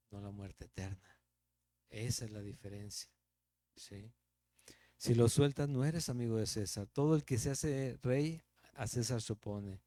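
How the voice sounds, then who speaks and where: Mexican pastor guy preaching slow and chatty, warm low-key voice, asks the room questions. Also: no room sound. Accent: Mexican Spanish. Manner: conversational preaching with rhetorical questions and light laughs. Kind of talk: verse-by-verse Bible teaching.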